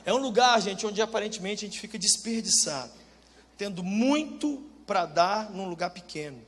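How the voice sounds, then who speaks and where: A man's voice: high voice, normal speed, in a large hall, a little hiss or hum. A man preaching a sermon as pastor, telling stories in a direct, colloquial and humorous way, acting out other people's voices. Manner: animated storytelling with humor, voicing other people.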